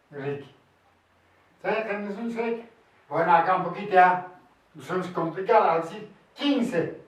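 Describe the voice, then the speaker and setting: Man, language teacher, patient, step-by-step explaining, slow, reverberant room. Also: high-pitched. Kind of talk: bilingual classroom lesson. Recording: very echoey room, voice from far off.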